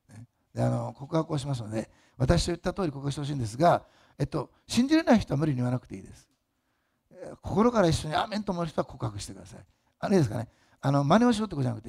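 A male preacher leads his congregation in a fervent sermon. His voice sits a little high with a rough, gravelly texture. He swings between loud emphatic declarations and hushed, close asides. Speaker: pastor.

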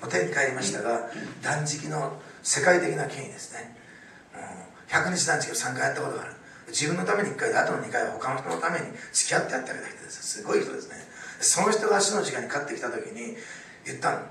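Male pastor, sermon storyteller, fast delivery, whispers to loud bursts, distant mic, faint room ambience. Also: mid-range voice, expressive, very echoey, a little hiss or hum. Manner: storytelling, swings from hushed whispers to loud exclaiming.

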